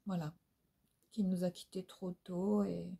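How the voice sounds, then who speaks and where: A woman's voice: fairly low pitch, level tone, unhurried, vocal fry, dark tone, husky. A middle-aged woman from Réunion with a Réunionese Creole accent, chatting casually at home about used-up beauty products, full of fillers and tag questions. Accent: Réunionese Creole French. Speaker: beauty vlogger. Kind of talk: casual product review chat. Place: at home, indoors.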